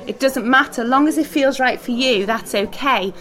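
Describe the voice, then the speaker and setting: A woman teaching a church group speaks at a moderate pace in a high, fairly bright voice. Chatty and easygoing, she laughs frequently and quizzes the room over surrounding noise during the group discussion.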